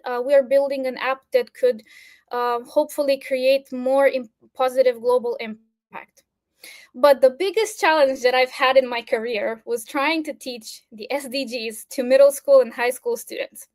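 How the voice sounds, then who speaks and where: A woman's voice: sits high, darkish tone. A woman from Romania giving an earnest presentation over a video call, with fillers and restarts. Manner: earnest, with fillers and restarts, briefly flustered by tech trouble. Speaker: speaker at an online talk. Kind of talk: presentation talk.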